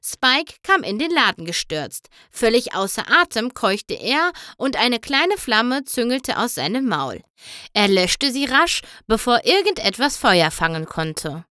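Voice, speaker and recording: Slow, expressive female storybook reader with a lively, high-leaning voice. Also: no echo, clean studio sound. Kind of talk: storybook narration.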